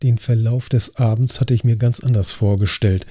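Husky dark-voiced male storyteller. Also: mid-range voice, normal speed. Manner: expressive first-person reading. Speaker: audiobook narrator. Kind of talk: scripted story narration.

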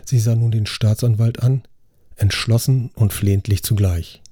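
A man reading a crime novel aloud as an audiobook narrator, in a steady, measured way. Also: fairly low pitch, breathy edge, no echo, studio quality. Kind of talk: scripted narration.

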